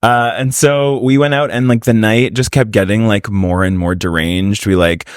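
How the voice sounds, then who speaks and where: Hungover man, low-pitched, close dry sound. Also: fairly even intonation, normal speed, clean tone, no room sound. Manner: chatty, peppered with "like". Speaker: podcast host. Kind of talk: casual chat.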